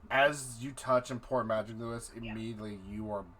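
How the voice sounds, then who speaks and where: A man narrating a horror tabletop game as game master, halting and dramatic, repeating phrases for effect. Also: mid-range voice, fairly even intonation, fairly bright tone, a little hiss or hum.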